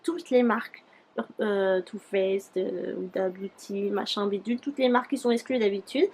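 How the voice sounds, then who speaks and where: A woman's voice: mid-range voice, moderate pace, a little mellow, a little hiss or hum, rough recording. A young woman chatting casually through a beauty haul vlog, rambling with many fillers. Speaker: beauty YouTuber.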